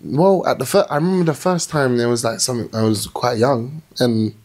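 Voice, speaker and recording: A young man talking as a podcast guest in a small indoor studio, reflective and animated, telling his story with restarts. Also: medium pitch, brisk. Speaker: plus-size model, podcast guest. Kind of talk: casual interview chat.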